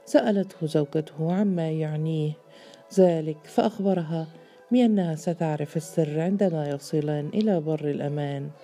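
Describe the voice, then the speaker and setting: Low, dark-voiced woman narrating a story. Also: normal speed, faint music behind.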